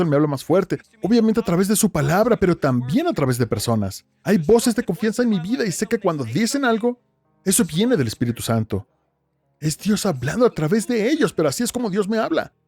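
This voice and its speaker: Pastor de voz aguda y muy expresiva. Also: male voice, high-pitched, a little mellow, breathy edge. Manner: emphatic preaching with rhetorical questions and repetition. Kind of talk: sermon.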